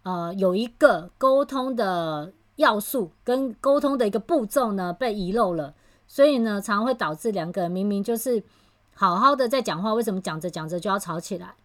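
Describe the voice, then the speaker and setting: A woman hosts a podcast as a communication trainer. She talks in easy, casual chat, explaining her points patiently and bringing her stories to life with animated retelling. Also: mid-range voice, moderate pace.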